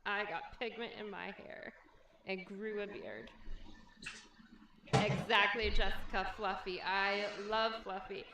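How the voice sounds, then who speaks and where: A woman's voice: medium pitch, level tone, takes it slowly, background noise. A woman hosting a casual livestream chat with viewers. She reads their comments aloud and talks in a chatty way. Her voice sounds hollow and echoey, as if she were inside a barrel, because two microphones are picking it up. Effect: hollow, echoey sound as if inside a barrel, from her voice being picked up on two mics. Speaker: livestream host.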